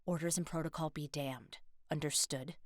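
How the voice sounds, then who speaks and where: An actress playing an impatient, sharp-tongued female scientist who speaks in a curt, scornful way in an audio drama. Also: lowish voice, expressive, moderate pace, no echo, studio quality, natural voice.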